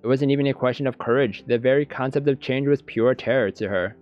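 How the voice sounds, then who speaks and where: A gaming YouTuber with a medium-pitched voice reads a visual novel aloud in a let's play, breaking off for halting, stammering off-the-cuff reactions. The audio is dull and somewhat lo-fi, with soft guitar music playing underneath.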